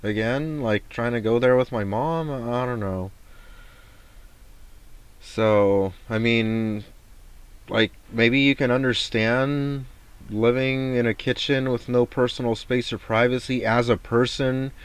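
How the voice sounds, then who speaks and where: A man's voice: medium pitch, fairly even intonation, slow pace, clear, resonant tone. A man venting in a rambling vlog monologue, frustrated, swearing and restarting his sentences. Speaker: vlogger.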